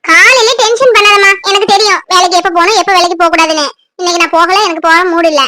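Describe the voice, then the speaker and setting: A curt, sulky young daughter in a cartoon, played by a woman, high and fast. She answers back tersely, her voice bright and tense. The recording is close and dry. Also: fairly even intonation. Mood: irritated. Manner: curt, irritated.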